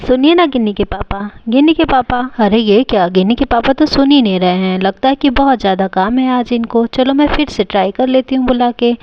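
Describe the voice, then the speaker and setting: A woman's voice: a little high, no room sound, natural voice. Woman doing a pleading, tearful doll mother. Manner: pleading, dramatic, sobbing. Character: fretful village mother, fond of saris. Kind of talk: doll-play storytelling. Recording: dull lo-fi home recording.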